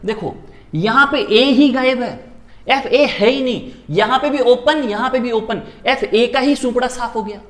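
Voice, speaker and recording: A middle-aged man teaching a maths lecture, lively, repeating phrases and acting out his students' questions. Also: extremely high pitch, unhurried.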